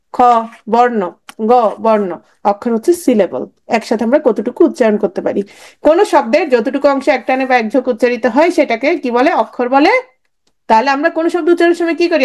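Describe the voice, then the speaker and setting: A woman's voice: sits high, a little mellow. A woman teaching an exam-prep grammar lesson in Bangladeshi Bengali, asking questions and answering them herself. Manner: quizzing, answers her own questions. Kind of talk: lecture on grammar.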